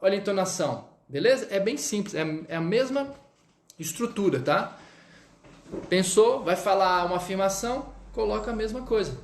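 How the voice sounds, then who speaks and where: A Brazilian man with a Brazilian Portuguese accent teaches French on a casual live stream, chatting with viewers, reading out their comments, and checking in often with "tá?". His voice is high-pitched and expressive at a moderate pace. The room is echoey, with slight background noise.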